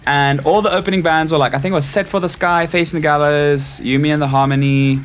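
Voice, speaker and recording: A stage crew technician in his twenties with a South African accent chats casually as an interview guest, sharing personal anecdotes. His voice is a little high and steady, and he talks fast. There's a little hiss or hum.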